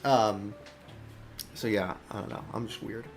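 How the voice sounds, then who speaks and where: A man's voice: fairly low pitch, fairly even intonation, unhurried, music in the background. A young man, an indie game developer, chatting casually while showing his game, rambling with many restarts and thinking aloud. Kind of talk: casual dev stream chat.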